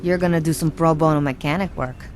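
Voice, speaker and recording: A woman playing a tough, sardonic street gang leader, dry and deadpan, in a video game cutscene. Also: sits low, fast talker, a little hiss or hum, natural voice. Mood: cold, threatening. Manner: deadpan, dry, foul-mouthed.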